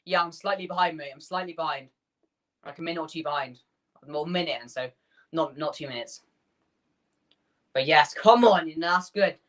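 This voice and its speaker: A man hosting a fan watchalong, calling the match player by player in quick bursts and chatting with his viewers between the action. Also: a little high, pushed and bright. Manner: rapid player-by-player calls, chatty asides to viewers. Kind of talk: live play-by-play fan commentary.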